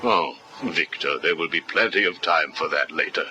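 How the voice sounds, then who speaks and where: An actor playing a calm, coolly menacing prison psychiatrist, heard as a video game interview tape recording. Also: male voice, very deep voice, normal speed, exaggerated voice. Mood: cold. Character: cold, probing male prison psychiatrist. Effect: played from a hissy interview tape recording.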